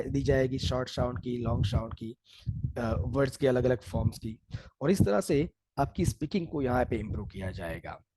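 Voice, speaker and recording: A man teaching English, explaining pronunciation and the course, and speaking slowly and deliberately when he switches to English. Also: mid-range voice, warm tone, a little hiss or hum, rough recording.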